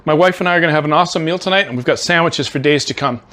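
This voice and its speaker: Here a middle-aged cooking vlogger with a slightly high, sharp voice talks rapid-fire from his home kitchen, eager and chatty with lots of fillers and restarts. He speaks through mouthfuls while tasting his food in this casual video.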